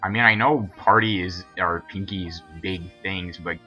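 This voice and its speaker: A man's voice: deep voice, steady tone, measured pace, bright, forceful tone, muffled recording, faint music behind. A young man giving a casual, rambling commentary on a cartoon episode, full of fillers. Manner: rambling, filler-heavy, chatty.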